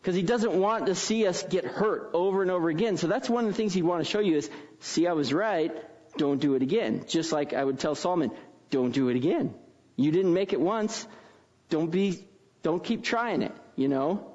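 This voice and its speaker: High-pitched guy giving a chatty sermon, keeps asking right?, kinda dull lo-fi audio. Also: fairly quick, darkish tone. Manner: casual, frequent tag questions. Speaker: pastor. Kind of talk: conversational sermon with storytelling.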